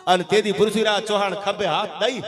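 A man's voice: high-pitched, steady tone, a little fast. A man with a Gujarati accent telling a heroic tale and reciting praise poetry as a folk storyteller, rousing and theatrical, repeating phrases for emphasis. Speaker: folk storyteller and singer performing live. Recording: music playing behind the voice.

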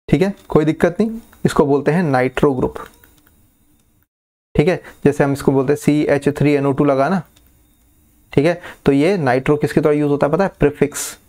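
A man teaching chemistry in a casual classroom style, repeating key terms slowly and often checking that students follow. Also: a little high, a little mellow. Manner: coaxing, checks understanding often.

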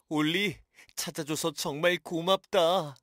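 Casting: gentle cartoon father shark, deep, slow, warm, dry sound. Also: no echo, heavily acted. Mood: warm, relieved. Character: gentle, caring daddy shark, male adult. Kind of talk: children's cartoon acting.

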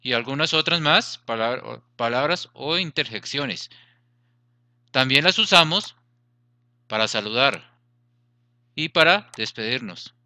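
A man's voice: mid-range voice, expressive, a little slow, long pauses, sharp tone, no echo. A man teaching a grammar lesson, explaining patiently, repeating points and checking that students follow.

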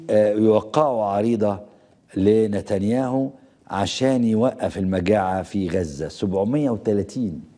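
A man's voice: fairly low pitch, warm tone. A man with an Egyptian accent hosting political commentary, indignant and full of rhetorical questions. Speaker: host.

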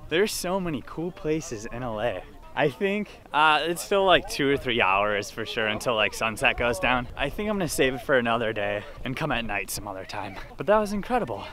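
A man in his twenties chatting casually and excitedly to a camera held at arm's length outdoors, with an enthusiastic, slangy way of talking. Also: medium pitch, a little fast, faint music behind. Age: 20s. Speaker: vlogger. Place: outdoors at a busy hilltop landmark. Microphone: handheld camera at arm's length.

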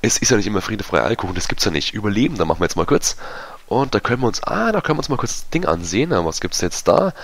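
A man giving casual, self-mocking commentary over a multiplayer match, his voice going hoarse. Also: lowish voice, big pitch swings, very fast. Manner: chatty, self-mocking, many fillers. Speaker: gaming YouTuber. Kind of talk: casual let's-play commentary.

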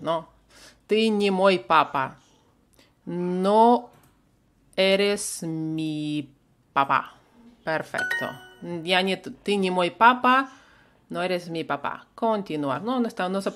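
A native Russian woman with a Russian accent leads a live online language lesson. She talks at an unhurried pace, repeating each phrase patiently so learners can copy it. Her voice sits slightly low. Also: animated. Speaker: Russian teacher.

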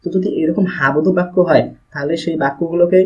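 A man's voice: fairly high pitch, fairly even intonation, quick pace, husky. A man with a Bangladeshi accent teaching an English grammar video lesson, explaining step by step and asking and answering his own questions. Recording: muffled lo-fi recording.

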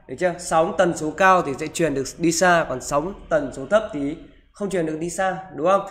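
A man teaching physics, talking students through exam questions in a live online class and checking in with them after almost every sentence. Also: a little high. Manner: keeps asking "được chưa?" and "đúng không?".

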